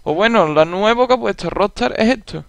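Laid-back Andalusian man, gravelly and high. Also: brisk, a bit bright, no room sound. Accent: Andalusian Spanish. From Andalusia, Spain. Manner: laid-back, joking, drawling. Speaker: gaming YouTuber. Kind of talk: casual gameplay commentary.

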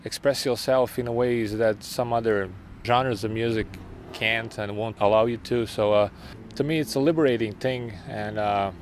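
A young native Bosnian speaker from Bosnia and Herzegovina, a band drummer, is interviewed for a documentary outdoors by a graffiti wall, with outdoor noise behind him. His fairly low voice stays steady at a moderate pace with few pauses. He speaks thoughtfully and often repeats words.

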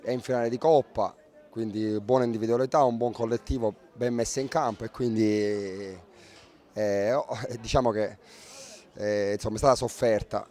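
A man's voice: lowish voice, fairly even intonation, moderate pace, mellow. A man, a football coach giving a post-match interview outdoors into a handheld microphone. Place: outdoors by a fence at a football ground.

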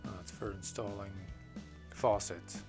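With music behind him, a man speaks at a measured pace in a lowish, steady voice, describing his tools off camera. He's a plumbing contractor, and his talk is plain and unhurried, full of "uh" fillers.

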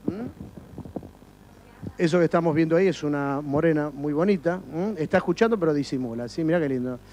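A high-pitched middle-aged man hosts a comedy show. He needles the people he interviews with mock indignation and rapid jokes. He talks into a handheld mic over faint background hiss. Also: dark tone. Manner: joking, teasing banter with mock outrage. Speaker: comic TV host. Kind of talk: comic street interviews. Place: indoor studio and shops. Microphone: handheld microphone.

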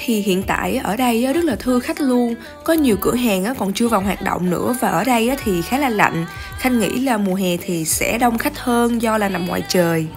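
With hardly a pause, a young Southern Vietnamese woman speaks a little fast in a fairly high voice. She is filming a casual travel vlog at arm's length among outdoor shops, chatting excitedly to her audience while background music plays.

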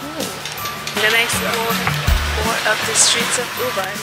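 A woman's voice: a little high, steady tone, moderate pace, over loud music. A woman in her twenties chatting casually as a travel vlogger, filming herself at arm's length, playful and giggly. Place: outdoors walking streets and forest, and hotel room. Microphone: handheld camera at arm's length.

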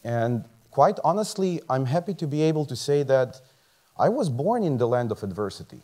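A man's voice: mid-range voice, normal speed. Earnest man on stage. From Croatia. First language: Croatian. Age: 30s. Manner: lively and earnest, chuckles often, restarts words. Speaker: medical student giving a talk. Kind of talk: motivational stage talk. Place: large dark theater stage.

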